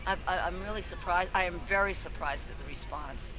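A woman's voice: fairly low pitch, fairly quick, low-quality recording. Repetitive, enthusiastic American woman. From United States. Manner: enthusiastic, repeats words. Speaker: interviewee, traveler on the bus. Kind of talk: outdoor street interview. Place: outdoors at a public event. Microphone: handheld mic held by interviewer.

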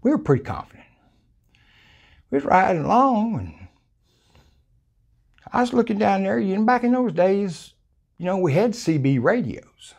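An older man with a South Texas accent tells a hunting story in a folksy, colorful way, acting out the voices he quotes. His voice is high-pitched, very animated and a little mellow, with creak and long pauses at a moderate pace. It was recorded on a lapel mic in a small room.

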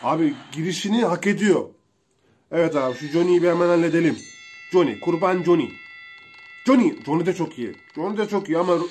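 A young man casually commentating a mobile wrestling game for viewers, excitable and slangy, calling out moves and reacting to hits. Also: high voice, a little hiss or hum.

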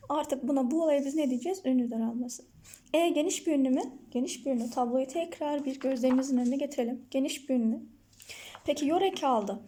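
A woman teacher explaining grammar in an online lesson, asking the class questions and answering them herself, repeating example words slowly and clearly. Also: sits high, warm tone.

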